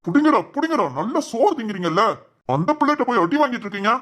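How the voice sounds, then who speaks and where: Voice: medium pitch, lively intonation, a little fast, natural voice. A voice actor playing a stern, scheming male village head in a cartoon drama who barks orders. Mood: angry. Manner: commanding, barking orders.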